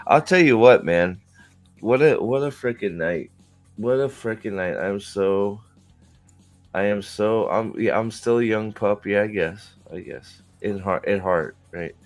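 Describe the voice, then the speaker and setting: A forty-something man hosting his own stream, talking in a loose, joking ramble that keeps stalling on fillers and restarts. His voice sits a little low for a man, with faint music underneath. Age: 40s. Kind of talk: casual chat.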